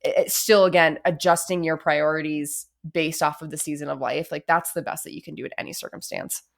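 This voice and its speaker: A woman's voice: deep voice, fairly even intonation, fairly quick, gravelly. A woman hosting a podcast, speaking in an encouraging, chatty way with lots of "like". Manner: warm, encouraging, many "like"s. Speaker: podcast host. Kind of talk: casual interview chat.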